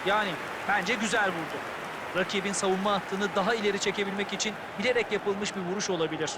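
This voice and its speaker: A man working as an analytical football co-commentator in a video game, explaining the play over a loud crowd. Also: high-pitched, steady tone, fast, close to an everyday voice. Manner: explanatory, evaluative. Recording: loud stadium crowd noise. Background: roaring football crowd.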